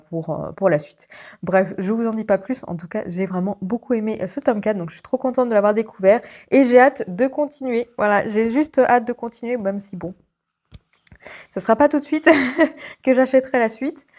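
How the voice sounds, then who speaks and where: A woman's voice: mid-range voice, darkish tone. A young woman from Belgium chatting casually in a book vlog, full of hesitations and little giggles. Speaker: book vlogger.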